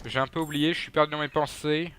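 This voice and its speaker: Young man, gameplay commentary, jokey, trash-talks the enemies, fairly high voice. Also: little pitch movement, fast talker, fairly bright tone, slight background noise. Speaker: gaming YouTuber.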